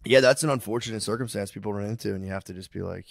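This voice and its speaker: Deadpan rambling man on a podcast couch. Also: fairly low pitch, racing, creaky, dry recording. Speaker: podcast co-host. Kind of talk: casual chat. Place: living room studio with couches. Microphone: handheld mic.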